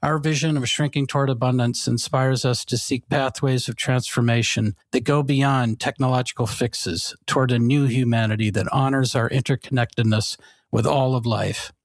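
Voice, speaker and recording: A man reading the scripted introduction of a podcast in an even, formal way. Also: medium pitch, moderate pace, no room sound. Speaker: podcast announcer. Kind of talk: scripted narration.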